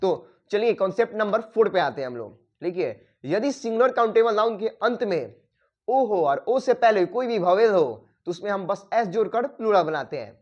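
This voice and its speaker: ऊँची आवाज़ वाले हिंदी शिक्षक. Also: male voice, high voice, expressive, a little mellow, muffled recording. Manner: repeats "ठीक है" often, dictates rules slowly. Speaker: English grammar teacher. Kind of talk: classroom-style grammar lesson.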